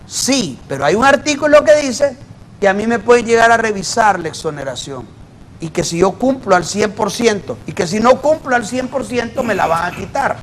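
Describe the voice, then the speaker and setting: Emphatic man, high voice. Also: lively intonation, moderate pace, slight background noise, low-quality recording. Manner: emphatic, explains with worked examples. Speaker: guest, auditor. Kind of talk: debate in a TV interview.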